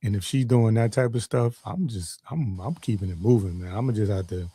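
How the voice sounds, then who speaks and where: A man co-hosting a casual live stream, talking in a rambling, halting way with many restarts. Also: on the low side, warm tone, slightly rough, dry recording. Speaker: stream co-host.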